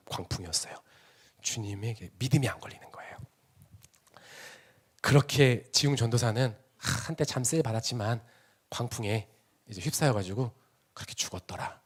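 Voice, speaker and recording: A man preaching an emotional Sunday sermon in a church, swinging between loud exclamations and hushed whispers. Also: medium pitch, slightly rough. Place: church sanctuary.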